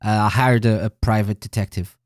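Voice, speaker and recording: A man's voice: lowish voice, fairly even intonation, a little fast, dry recording, studio quality. A man hosting a podcast, reading a scripted intro and then chatting with a guest in an upbeat way. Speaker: podcast host. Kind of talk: scripted intro then casual interview chat.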